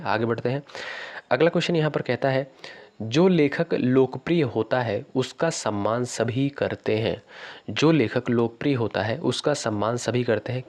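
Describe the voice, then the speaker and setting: A man teaching an exam-prep lesson. He reads each quiz question slowly, often says it twice, calls his viewers friends and repeats the correct option. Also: medium pitch, gravelly, darkish tone. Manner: repeats questions slowly, stretches words, keeps saying "friends".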